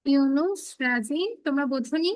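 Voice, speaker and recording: A young woman teaches an online class in a high, clear voice, recorded close and dry with no room sound. She explains patiently and reads definitions out very slowly. She keeps calling on students to check that they have followed. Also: no echo, low-quality recording. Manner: checks understanding, calls on students. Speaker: English teacher.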